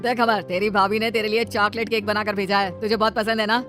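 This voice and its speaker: A woman's voice: mid-range voice, level tone, quick pace, fairly bright tone, faint music behind, close to an everyday voice. A woman voicing a young office-going husband who pleads with his wife and then scolds her, in a cartoon story. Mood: eager. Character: young husband, office worker, short-tempered. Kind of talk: cartoon voice acting.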